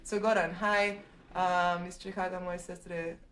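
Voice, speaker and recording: A woman's voice: fairly low pitch, little pitch movement, measured pace, a bit bright, recorded from a distance, a little hiss or hum. A woman from Serbia answering viewers' market questions in a live stream, thinking aloud with frequent restarts. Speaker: real estate analyst answering viewer questions. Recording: echoey room, voice a bit off-mic.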